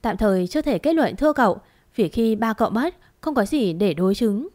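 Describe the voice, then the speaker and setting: A woman voicing an old male village physician who speaks in a measured, grave way. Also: fairly high pitch, animated, a little mellow, lightly acted.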